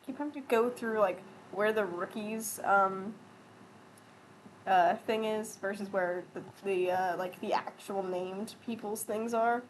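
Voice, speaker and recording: A woman's voice: mid-range voice, a little slow, a little hiss or hum, rough recording. A woman running a tabletop game as game master, casual and chatty, laughing often.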